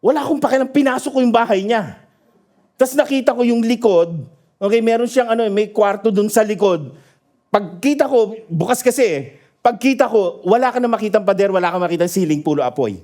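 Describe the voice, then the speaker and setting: A man preaching a sermon in a lively storytelling manner, often asking his congregation for an amen and laughing at his own stories. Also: sits high, a little fast. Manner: asks the congregation for agreement. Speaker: pastor. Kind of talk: sermon mixing Tagalog and English. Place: church.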